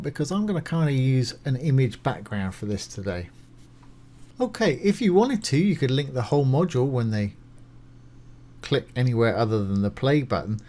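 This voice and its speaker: A man with a medium-pitched, darkish voice narrates a screen recording for a casual tutorial. He walks through each step as he does it, keeping things informal and reassuring.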